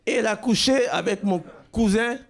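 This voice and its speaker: A man from Cuba doing a stand-up comedy set on a club stage, with a loud, punchy delivery that shouts out the punchlines. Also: high-pitched, moderate pace. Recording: live club recording with crowd. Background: audience laughter.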